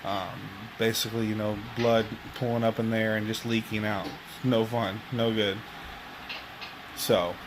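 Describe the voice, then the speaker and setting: A man with an average-pitched voice talks casually as if updating his viewers from home. His delivery is halting and rambles along. Faint background noise sits behind him. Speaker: video blogger. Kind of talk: casual personal update to camera.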